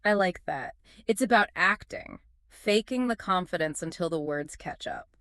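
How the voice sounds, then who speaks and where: A woman co-hosting a scripted conversational chat, reacting in an expressive, self-deprecating way. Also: fairly low pitch, normal speed, no echo, clean studio sound. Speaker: co-host.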